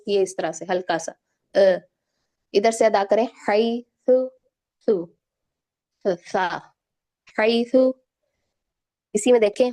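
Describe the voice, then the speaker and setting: A woman with a Pakistani Urdu accent teaching Quran recitation in an online lesson, patiently drilling each letter sound slowly and repeating it. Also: medium pitch, mellow.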